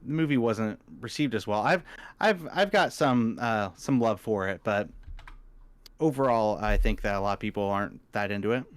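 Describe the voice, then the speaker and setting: A man co-hosting a movie podcast, chatting casually and rambling like an eager fan, his voice jumping up when excited. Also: moderate pace, smooth, dry recording. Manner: chatty, rambling fan with sudden pitch jumps. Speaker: podcast co-host.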